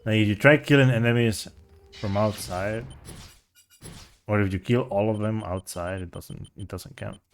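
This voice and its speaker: A man's voice: fairly low pitch, steady tone, moderate pace, slight background noise. A man giving casual, rambling commentary as he streams a speedrun. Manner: rambling and chatty, with frequent restarts and "like".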